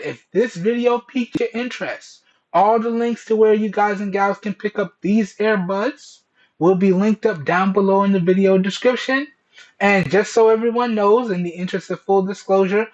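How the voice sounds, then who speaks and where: A man with a fairly high voice talks like a casual tech reviewer addressing his viewers. His phrasing is colloquial and he keeps checking in as he explains. The sound is dull and lo-fi, captured on Bluetooth earbud headset microphones. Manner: colloquial, repeatedly checks in with "okay" and "all right". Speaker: tech reviewer, video host. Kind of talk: casual product test presentation to camera.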